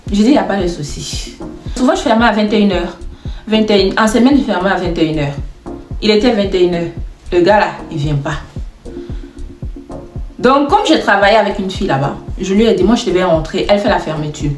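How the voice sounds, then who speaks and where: A woman telling a comic storytime, chatty and animated as she acts out the dialogue. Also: medium pitch, a little fast, pauses often, soft background music. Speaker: storyteller, content creator. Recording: echoey room.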